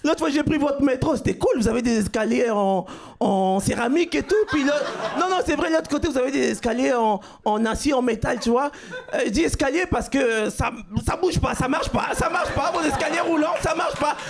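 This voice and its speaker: A man from Cuba doing a stand-up comedy set on a club stage, with a loud, punchy delivery that shouts out the punchlines. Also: very high-pitched, brisk, creaky, slight background noise. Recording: live club recording with crowd. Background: audience laughter.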